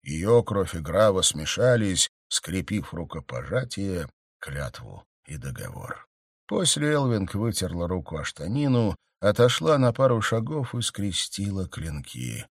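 A man narrating a fantasy audiobook in a steady, even storytelling manner. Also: low-pitched, a little slow, slightly rough, no echo, studio quality.

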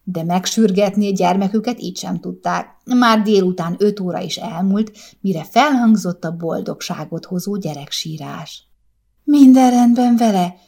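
A woman narrating a short story as an audiobook, in a calm, measured, gentle way. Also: on the low side, vocal fry.

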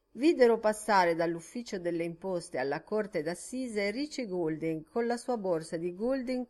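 Woman reading a literary audiobook. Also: mid-range voice. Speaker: audiobook narrator.

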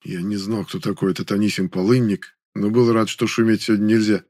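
A man reading a first-person novel aloud in a wry, lively storytelling manner. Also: on the low side, fairly quick, no echo, studio quality. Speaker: audiobook narrator.

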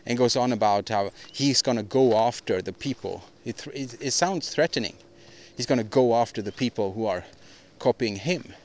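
A man's voice: mid-range voice, moderate pace, hardly any pauses, darkish tone, a little hiss or hum. Male podcast host, solo monologue; rambling, opinionated, frequent restarts and repeats. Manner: opinionated, ranting delivery.

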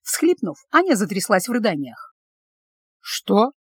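A woman's voice: a little high, lively intonation, normal speed, dry recording, clean studio sound. A woman narrating a dramatic audiobook story with emotion.

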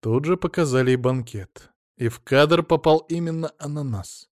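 A man's voice: a little high, moderate pace, no room sound, studio quality. Man narrating an audiobook. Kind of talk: scripted narration.

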